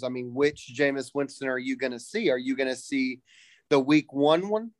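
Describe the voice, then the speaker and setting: A man co-hosting a casual podcast chat, speaking haltingly as he thinks out loud. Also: mid-range voice, no room sound. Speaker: podcast co-host.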